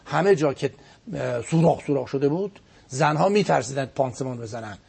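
A man's voice: medium pitch, expressive, vocal fry, darkish tone, husky. A man speaking as a guest cleric, giving an earnest, emphatic religious lecture on a broadcast program and often repeating his words for stress. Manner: earnest, emphatic preaching with repetitions.

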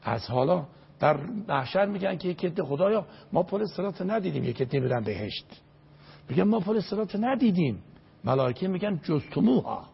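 An older man speaks as a religious scholar, preaching emphatically and reciting verses. His voice is gravelly and very husky. The recording sounds dull and lo-fi. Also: sits high, very animated. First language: Azerbaijani. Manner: emphatic, recites Arabic verses, repeats phrases for stress. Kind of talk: religious lecture in an interview.

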